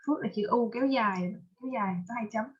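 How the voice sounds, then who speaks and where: A woman teaching English pronunciation with a Vietnamese accent, patiently drilling words and repeating them slowly. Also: a little high, husky, dull audio. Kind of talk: online pronunciation lesson.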